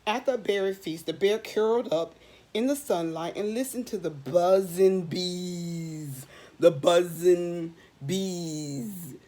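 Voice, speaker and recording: A fairly low-pitched, mellow voice belongs to a middle-aged woman reading a storybook to young children at a slow pace. Like a teacher, she poses questions and answers them expressively, drawing words out and repeating them for emphasis.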